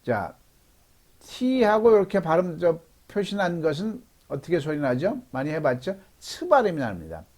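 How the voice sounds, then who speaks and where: A middle-aged man teaching an English phonics lesson, patiently repeating each word slowly for learners. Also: on the high side, big pitch swings, a little mellow.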